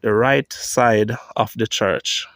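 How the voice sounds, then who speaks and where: A man with a Jamaican accent, walking through a churchyard cemetery on a vlog, reading grave inscriptions aloud and thinking out loud. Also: on the low side, steady tone, slow, no room sound. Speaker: vlogger.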